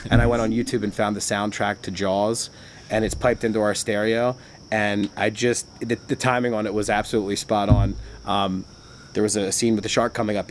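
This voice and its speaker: With a fairly low-pitched voice and a bit of background noise, a bar worker speaks in loose, chatty conversation. He rambles, restarting often and leaning on filler words.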